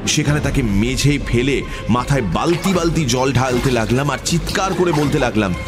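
A man narrating an audiobook story in a measured storytelling manner. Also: mid-range voice, animated. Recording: music bed under voice.

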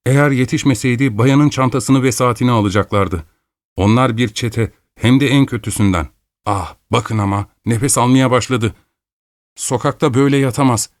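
A man's voice: medium pitch, moderate pace, no echo, clean studio sound, close to an everyday voice. A male reader voicing a concerned woman bystander who pleads urgently in an audiobook. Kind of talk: audiobook character voice.

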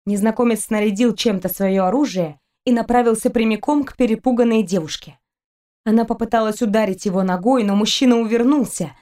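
A woman narrating an audiobook in an even, steady reading voice. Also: on the high side, a little fast. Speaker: audiobook reader.

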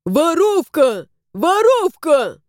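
A fussy, jittery male stork from a storybook, as a woman puts him on, his voice pitched high and swooping about. Each line comes out polite but anxious. The sound is dry and close, with a dark, mellow tone. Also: slow, no echo, full character voice. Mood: shrill alarm. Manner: fussy, excitable exclamations.

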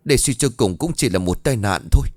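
A man voicing a calm older mother who gently scolds her son. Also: fairly low pitch, brisk, dry recording, clean studio sound. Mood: reproving.

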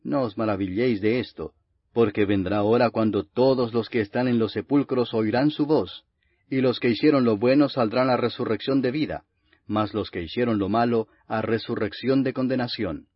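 With a husky mid-range voice at normal speed, a man gives a solemn, grave, declamatory reading of the Bible as scripted narration. The recording sounds muffled and reverberant, with lo-fi quality.

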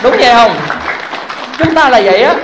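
A man's voice: very high voice, expressive, normal speed, a crowd in the background, noisy background. A man, a Buddhist monk, giving a dharma talk and asking his audience rhetorical questions. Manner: chuckles as he talks.

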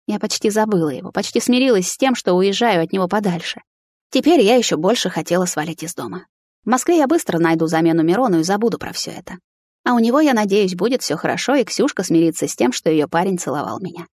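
A woman's voice: medium pitch, expressive, fast talker, darkish tone, no room sound. A woman narrating a first-person audiobook in an emotional, confessional tone, close to the mic.

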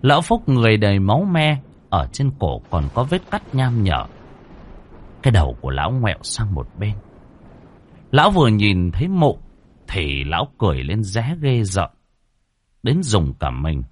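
A man narrating a horror audiobook in a dramatic, expressive storytelling manner. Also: on the low side, moderate pace.

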